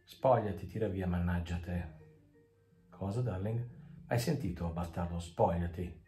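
A man's voice: sits low, unhurried, warm tone. A man doing a scornful, bossy wife. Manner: cutting, commanding. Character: beautiful, bossy, contemptuous young wife. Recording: echoey room with faint music.

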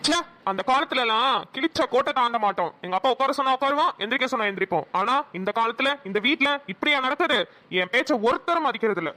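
A woman voicing a stern, grumbling middle-aged village father with a Kanyakumari Tamil accent, who scolds gruffly. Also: sits high, expressive, fast talker, sharp tone. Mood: angry.

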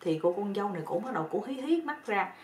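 A woman's voice: mid-range voice, sing-song, fast. Chatty woman storyteller. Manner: chatty, colloquial, repeats words often. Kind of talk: casual spoken storytelling. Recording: roomy echo with faint noise.

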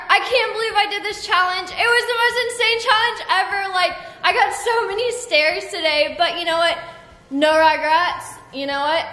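A woman vlogger chatting casually to camera, giggly and laughing often, recorded in an echoey room. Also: very high-pitched. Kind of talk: casual vlog chat to camera. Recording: echoey room with steady background noise.

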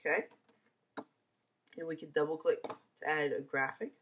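Speaking at normal speed in a mid-range, fairly bright voice, a stuffy-nosed teenager with a cold reviews software in a casual screencast. The delivery is hesitant and full of ums, captured on a computer mic with slight background noise.

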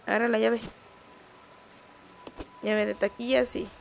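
A young woman with a Mexican accent giving excitable live-stream commentary while she plays a game, swearing casually and talking to the characters on screen. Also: a little high, takes it slowly, vocal fry, slight background noise. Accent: Mexican Spanish. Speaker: gaming streamer.

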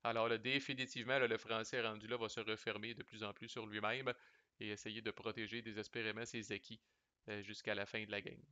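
Québécois male reviewer, bright and forceful delivery, chatty and slangy, dry slightly muffled recording. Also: on the low side, little pitch movement, fairly quick, dry recording. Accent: Québécois French. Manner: chatty, loose, sprinkles English game terms and salty slang. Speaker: board game reviewer. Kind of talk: casual explanatory commentary.

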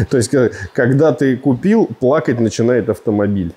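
A man in his thirties reviewing a car in a casual, joking, rambling way, recorded in a large indoor showroom on a lapel mic. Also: mid-range voice. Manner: joking, rambling, animated with gestures.

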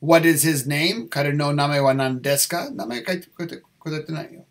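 A man who teaches English, going through test answers and mixing English and Japanese as he repeats phrases slowly. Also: on the high side.

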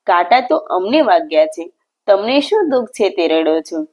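A woman's voice: medium pitch, big pitch swings, normal speed, a little mellow. A woman voicing a playful, hungry divine lord who talks to his devotee in a teasing, affectionate way.

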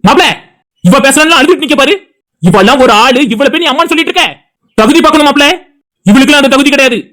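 A husband in a cartoon who is fierce and loyal to his brother, scolding his wife in a Tirunelveli Tamil accent, as a woman acts him out. The voice is high and the words rush out fast, full of heat and insults. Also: lively intonation, fairly bright tone. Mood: contemptuous. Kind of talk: cartoon dialogue acting.

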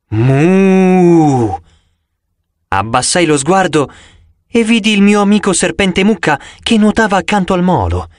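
A man reading a first-person audiobook in an expressive, theatrical way. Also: fairly high pitch, no echo, studio quality. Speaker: audiobook narrator. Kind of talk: first-person scripted narration.

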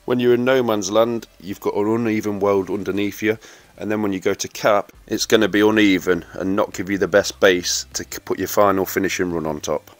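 A man giving a steady, instructive voice-over for a welding tutorial and talking straight to viewers. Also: fairly low pitch, fairly quick, dry recording.

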